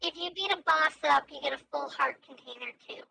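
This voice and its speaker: High, gravelly-voiced woman player. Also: background noise. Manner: playful, chiming in with quick jokes. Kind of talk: casual tabletop game chat. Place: home streaming setup.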